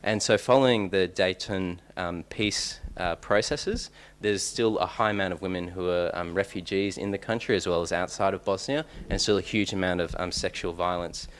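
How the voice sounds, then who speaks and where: A man's voice: deep voice, fairly even intonation, moderate pace, hardly any pauses. A young Australian man giving an academic conference talk, hesitant, with many ums and restarts. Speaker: conference speaker.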